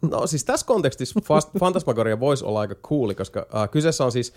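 A man chatting casually as a podcast host, explaining a video game at length with lots of hesitation fillers and a few jokes. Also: mid-range voice. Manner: jokey, lively storytelling. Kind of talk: casual chat.

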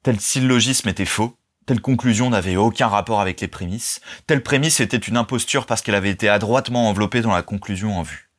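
A man reading a novel aloud as narrator, in a measured, even storytelling manner. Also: on the low side. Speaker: audiobook narrator. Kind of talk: scripted narration.

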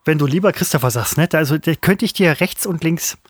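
A man with a high-pitched voice bickers in a casual podcast, sounding indignant and flustered as he keeps protesting and breaking off his sentences. His voice sounds dry and close. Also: fairly quick, husky, no room sound. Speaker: podcast co-host.

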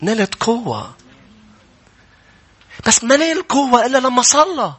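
A man's voice: very high voice, sing-song, unhurried, a bit bright, husky. A man with a Levantine Arabic accent preaching a sermon, emphatic, repeating key phrases and putting questions to his listeners. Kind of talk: sermon, exhorting a congregation.

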